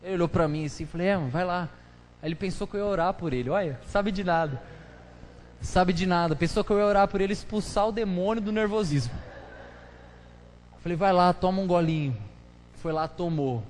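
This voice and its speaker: A man's voice: sits high, fairly quick, pauses often. A pastor preaching a casual, joking sermon full of slang, chatting with his congregation during a live church service. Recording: live church hall reverb, faint noise.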